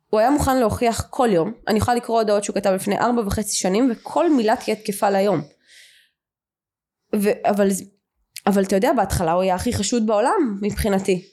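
A woman's voice: medium pitch, a little mellow. A woman hosting a podcast, speaking frankly and with feeling about her own past relationships in a candid conversation. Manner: emotional, frank personal storytelling. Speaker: podcast host.

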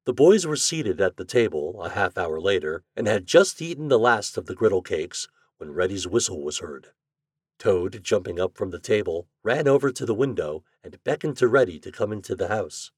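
A man reads a children's storybook aloud in a middle-pitched voice with animated, lively intonation. His reading is close to the mic and dry, with no room sound. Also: moderate pace, slightly rough, dry recording. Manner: expressive. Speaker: story reader.

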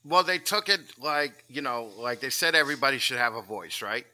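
A man's voice: medium pitch, lively intonation, brisk, sharp tone, poor audio. A man talking bluntly and profanely in a casual podcast chat. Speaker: podcast guest.

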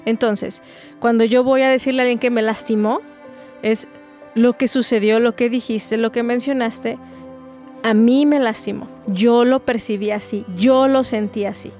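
A woman's voice: a little high, fairly even intonation, normal speed, darkish tone, faint music behind. A woman gives an earnest, explanatory faith-based teaching talk to her listeners, acting out short example phrases.

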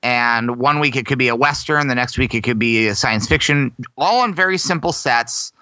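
A man's voice: mid-range voice, normal speed, sharp tone, dry recording, rough recording. An American man telling self-deprecating stories in a casual interview, laughing often. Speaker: guest performer.

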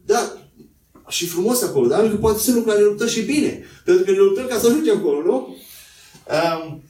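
A man preaching a sermon in a conversational way, acting out quotes in a higher voice. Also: expressive, warm tone. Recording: echoey room, voice from a distance.

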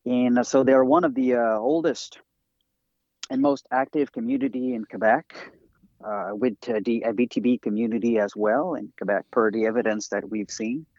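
Halting French-accented man, dull lo-fi audio. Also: mid-range voice, fairly even intonation, darkish tone, no room sound. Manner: halting, many fillers and restarts. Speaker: guest researcher and author. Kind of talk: interview talk over a call.

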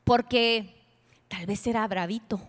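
A woman pastor preaching a sermon to a women's retreat. She is emphatic and teasing, and swings suddenly from loud to hushed. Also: mid-range voice, slow. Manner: playful, teasing asides. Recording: long hall reverb.

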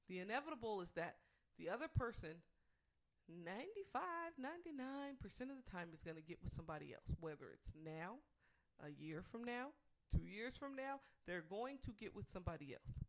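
A woman's voice: medium pitch, very animated, moderate pace. A woman co-hosting a talk show, giving casual relationship advice in an earnest, emphatic way and restating her points.

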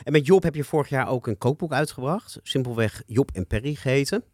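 A man's voice: mid-range voice, lively intonation, fairly quick, darkish tone, no echo, studio quality. A man hosting a conversational interview in a wry, articulate, teasing way. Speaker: interviewer, show host.

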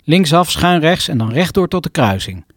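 A man from the Arnhem area of the Netherlands, a rehabilitation doctor, reading his own scripted first-person story in a reflective, poetic, measured way. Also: on the high side, big pitch swings, no echo, clean studio sound.

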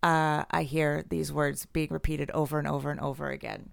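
A woman's voice: sits low, flat delivery, moderate pace, creaky, no echo, studio quality. A woman co-hosting a casual podcast chat, emphatic and fond of repeating herself for effect. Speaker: podcast co-host.

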